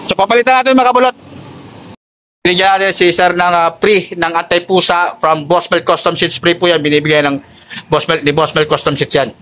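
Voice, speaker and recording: This motorcycle accessories seller and vlogger, a Filipino man, speaks in a high register with fairly steady intonation, brisk and slightly bright. He chats easily while presenting items to a customer and viewers, frequently using respectful address, with traffic noise around him.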